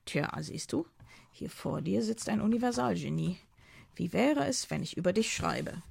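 A woman voicing a boastful, teasing male journalist who talks down to others in an audiobook, with a husky, gravelly voice. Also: mid-range voice, animated, moderate pace, a little mellow, no room sound, studio quality, exaggerated voice. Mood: mocking. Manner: condescending, mocking banter.

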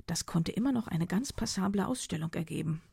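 A woman reading a novel aloud as narrator, steady and measured. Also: fairly low pitch, vocal fry, slightly rough, no room sound, studio quality. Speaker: audiobook reader. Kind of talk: scripted narration.

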